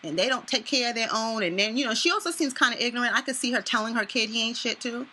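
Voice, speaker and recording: A woman hosting a casual talk show, blunt and opinionated, speaking in an animated way. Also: on the high side, fast talker, slight background noise. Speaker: podcast host. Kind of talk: casual chat.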